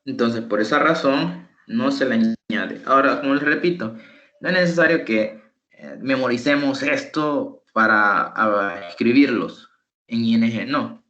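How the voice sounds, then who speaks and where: A man's voice: mid-range voice, measured pace, a bit bright, muffled recording. Man patiently teaching online. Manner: patient, explaining step by step with frequent "¿verdad?". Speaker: English tutor.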